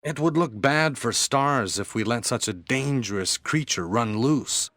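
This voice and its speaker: An actor playing a gruff male weapons-expert soldier in a 1990s video game, with stiff, halting line delivery. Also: medium pitch, animated, fairly bright tone, no room sound. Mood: earnest. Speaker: game character. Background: music.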